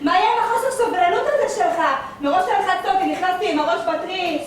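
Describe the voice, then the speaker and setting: A woman plays a cheeky maidservant with a sharp tongue, wailing and answering back. Her voice is very high. She is heard from a distance in a very echoey stage space, with a clear hiss behind. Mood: irritated. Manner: sassy, talking back, wailing in mock pain. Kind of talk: stage play acting. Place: theatre stage. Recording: echoey stage audio from far off.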